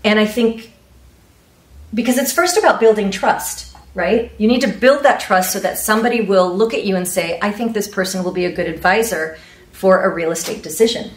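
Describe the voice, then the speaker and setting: In a mid-range voice at normal speed, a fortysomething Ecuadorian woman who sells real estate and grew up speaking Spanish gives earnest panel interview answers. She gestures as she explains, standing in a meeting room in front of a large screen. The recording comes from a faraway camera mic, sounding echoey with slight background noise.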